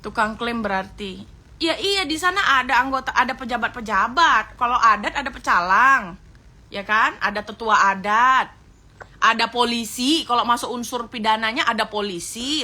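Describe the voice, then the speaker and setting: A woman on a casual live stream who reads viewer comments and argues forcefully and outspokenly. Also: on the high side. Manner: forceful, outspoken, swings between loud ranting and quiet comment reading.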